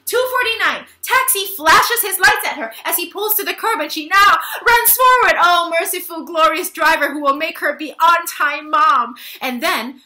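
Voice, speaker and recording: A woman in her thirties, an actor, performs a staged reading of a stage play on a webcam in a small bare-walled room at home, so the sound echoes. Her very high-pitched voice is bright and forceful, and her storytelling is dramatic and emphatic.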